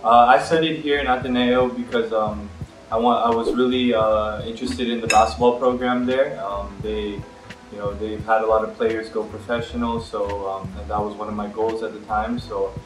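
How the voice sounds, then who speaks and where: A man's voice: lowish voice, little pitch movement, moderate pace. A young man answering casual questions at a kitchen table, easygoing and hesitant, with lots of ums. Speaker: guest, host's brother. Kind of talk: casual Q and A chat while eating. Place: home kitchen, indoors. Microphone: camera across the table. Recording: roomy kitchen sound, mic at a distance, music under. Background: background music.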